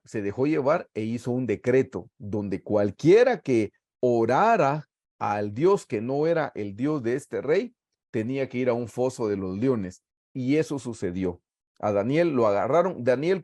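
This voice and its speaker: A middle-aged man with a Guatemalan accent leads a Bible study as a sermon over a video call. His voice is warm and mellow. He reads scripture passages and then explains them earnestly to the congregation. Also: mid-range voice. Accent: Guatemalan Spanish. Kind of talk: sermon-style Bible teaching.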